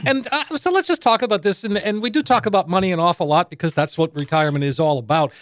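High-voiced easygoing male radio host. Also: quick pace, no room sound. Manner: easygoing, agreeable, gives the phone number. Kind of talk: radio show discussion.

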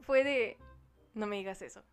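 A young woman with a Mexican Spanish accent, co-hosting a podcast and telling an animated, slangy story that acts out the dialogue. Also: medium pitch, moderate pace, over music. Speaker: podcast co-host. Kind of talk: casual chat, storytelling.

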